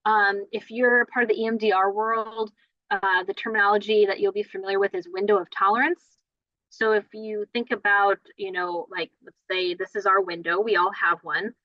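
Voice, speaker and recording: A woman's voice: medium pitch, fairly even intonation, normal speed, no echo, lo-fi sound. A woman leading a play therapy training in a conversational lecture style, often adding "right?" and "you know". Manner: conversational, many fillers and "right?".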